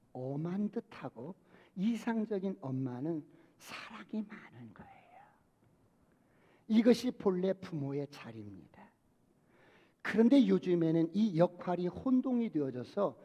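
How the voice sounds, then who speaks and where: A man preaching from the pulpit in a high but mellow voice. He puts questions to the congregation and answers them himself. His words ring out with a long reverb through the church sanctuary. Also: sing-song, measured pace, lo-fi sound. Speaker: pastor. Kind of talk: sermon.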